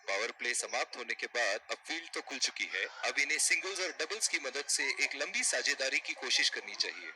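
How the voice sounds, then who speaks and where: A man's voice: mid-range voice, big pitch swings, a little fast, few pauses, background noise, natural voice. A man voicing an analytical, admiring cricket commentator in a scripted sports video game.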